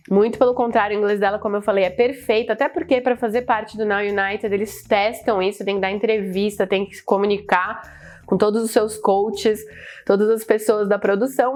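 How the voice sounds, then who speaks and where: A young Brazilian woman, an English teacher, explaining pronunciation in a casual video lesson. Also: on the high side. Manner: chatty, explains with drawn-out example phrases.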